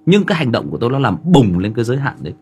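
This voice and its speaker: Speaking very fast in a sing-song, mid-range voice that's a little mellow and husky, a male livestream host tells a family story. He has a Northern Vietnamese accent, and his telling is casual and meandering, full of filler words.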